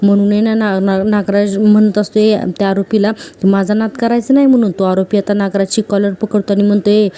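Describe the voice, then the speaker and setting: Woman recapping a serial, very dark voice. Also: mid-range voice, level tone, brisk, few pauses. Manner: retells scenes quoting characters' lines; chatty with frequent fillers. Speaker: serial episode reviewer. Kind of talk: casual episode recap narration.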